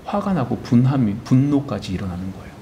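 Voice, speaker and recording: A man's voice: mid-range voice, quick pace, a little hiss or hum. A man preaching a sermon as a pastor in a church. He keeps asking the congregation questions and answers them himself. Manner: animated, asks the congregation rhetorical questions; acts out biblical characters in quoted voices. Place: church sanctuary.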